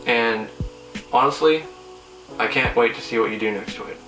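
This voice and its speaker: A young man hosts a car review with sarcastic, teasing jabs in a casual but scripted style. His voice is bright and punchy at a medium pitch. It sounds roomy and set back from the microphone, with faint music behind. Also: sing-song, moderate pace, creaky. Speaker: car video host. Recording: roomy echo, distant mic, faint music.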